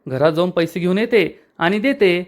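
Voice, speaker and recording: A man voicing a quick-tempered, irritated young woman who snaps back, retold in a serial recap. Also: high-pitched. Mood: exasperated. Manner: snappy, exasperated.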